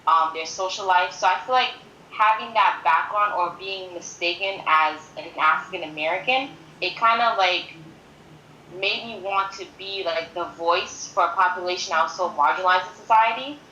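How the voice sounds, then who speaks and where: This podcast guest is a woman in her twenties who was born in Haiti and grew up in New York City from age five. She talks about herself earnestly and conversationally at a normal speed, in a slightly low but very bright voice, restating phrases for emphasis. The recording is muffled, with a roomy echo and faint background noise.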